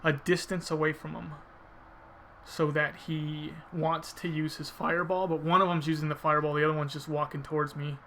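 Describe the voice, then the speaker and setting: A man commentates casually over gameplay in a somewhat high, narrow-ranged voice with a creaky edge. He explains technique informally, thinking aloud as he goes, with some noise behind him. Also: flat delivery, brisk, pushed and bright. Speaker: video game player commentator.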